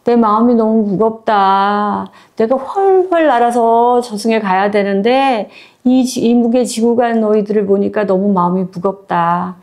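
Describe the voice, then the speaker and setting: Calm, tender old grandmother near death, slow and soothing, read by a woman storyteller. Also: fairly high pitch.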